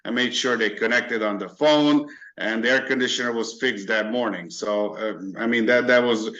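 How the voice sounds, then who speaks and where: A man's voice: medium pitch, bright, forceful tone. Guy in his 30s, interview guest, lots of ums and restarts, kinda dull lo-fi sound. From Hungary. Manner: hesitant, many fillers and restarts, earnest. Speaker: interview guest, business owner. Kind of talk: casual interview.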